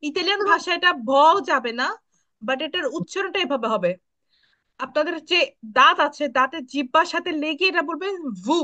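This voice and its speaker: High, bright-voiced woman teaching pronunciation. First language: Bengali. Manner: patient, repeats sounds slowly for students. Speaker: Italian language teacher. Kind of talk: online class, pronunciation drills. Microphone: video call.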